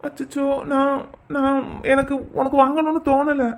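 A woman voicing a gentle, awkward boy cousin in a cartoon, talking in a hesitant, placating way. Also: sits high, flat delivery, moderate pace, lightly acted. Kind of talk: cartoon voice acting.

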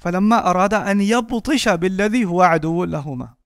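This sermon comes from a man in his forties whose voice is high for a man, speaking at a moderate pace. He strides across an indoor stage in front of a patterned backdrop, gesturing widely and playing the people in his story, and his headset mic gives a close, dry sound.

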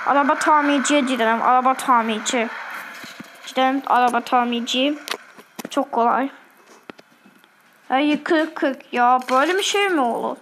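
A woman's voice: sits high, moderate pace, long pauses, fairly bright tone, a little hiss or hum, poor audio. A woman with an Azerbaijani accent giving chatty, repetitive gameplay commentary and keeping up a running talk with her viewers. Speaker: gaming video host.

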